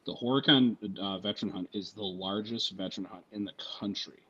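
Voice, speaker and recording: A male veteran with a husky, lowish voice spins rambling, profanity-laced war stories on a podcast, sounding pushed and bright as he talks a little fast. He often seeks agreement with "right?" and "you know what I mean?", all on a lo-fi recording.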